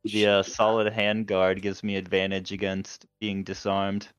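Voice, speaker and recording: A man playing a tabletop role-playing game, easygoing and quick to laugh. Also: low voice, monotone, smooth, dry recording, muffled recording, faint music behind. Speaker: player. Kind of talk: casual tabletop game chat.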